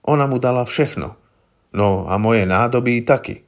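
A man reading aloud, voicing a frightened small-time safecracker who talks plaintively in rough slang. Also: medium pitch, lightly acted. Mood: bitter.

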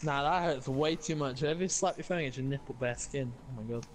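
A man's voice: mid-range voice, brisk, noisy background. A man bantering sarcastically in an online game party chat. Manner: sarcastic, laughs a lot.

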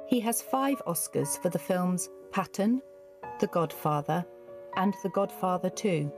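Lively woman narrating over music. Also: fairly low pitch, measured pace. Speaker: narrator and interviewer of course audio. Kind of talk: scripted textbook narration.

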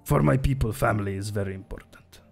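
Guy doing a nervous innkeeper, broken english, lots of uhs, low-key music behind. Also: vocal fry, darkish tone, slightly rough. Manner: halting broken English, many hesitations. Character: nervous caring male innkeeper from a freed people, broken grammar.

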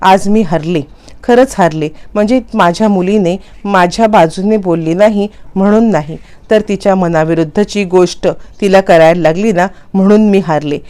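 Woman narrator reading a sorrowful devoted mother; mellow, warm tone. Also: mid-range voice, moderate pace, clear, resonant tone, natural voice. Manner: sorrowful, earnest. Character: heartbroken loving young stepmother.

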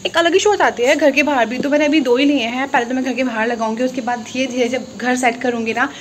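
High-voiced chatty woman vlogger. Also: steady tone, a little hiss or hum. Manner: chatty, talks quickly. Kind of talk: casual chat.

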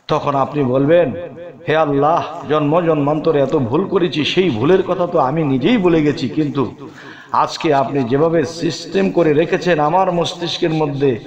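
Middle-aged male preacher, voice a bit high, rhetorical and emphatic, crowd audible behind. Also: muffled recording. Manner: rhetorical questions, quoting prayers with rising emphasis. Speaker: spiritual preacher. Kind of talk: devotional sermon.

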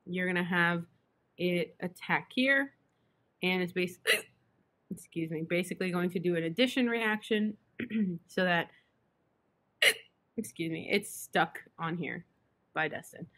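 A woman's voice: lowish voice, measured pace, long pauses, a bit bright. A young woman tutoring chemistry online, hiccuping and breaking off with apologies as she explains. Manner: apologetic, self-interrupting with "excuse me".

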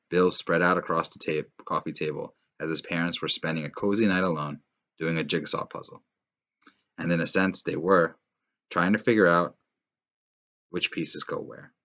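A teacher reading a novel aloud in a steady storytelling manner, with occasional slips and restarts. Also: male voice, deep voice.

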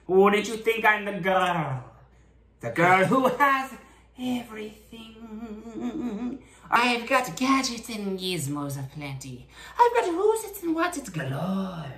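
A man doing an impression voice of a vain, theatrical old female cartoon villain, reciting slowly in an echoey room. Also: high-pitched, pushed and bright, pitched above the performer's own voice, heavily acted. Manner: switching impression voice, slow dramatic recital.

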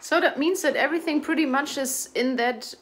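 A woman interviewer asking brisk, prompting questions off camera. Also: high voice, a little hiss or hum.

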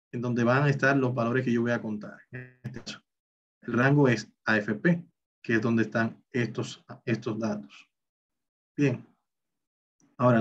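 Male instructor, a bit breathy, walks students through formulas aloud; slightly muffled recorded-class audio. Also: mid-range voice, far from the mic. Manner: explains step by step, talks through each calculation. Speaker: Excel instructor. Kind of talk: recorded online class walkthrough.

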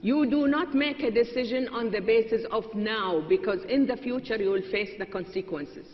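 A woman's voice: a little high, moderate pace. An older woman on a debate panel, lecturing with laughing asides, recorded on a TV studio stage with a lapel mic. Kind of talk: televised debate argument. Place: TV studio stage, large hall. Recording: roomy, dull hall recording.

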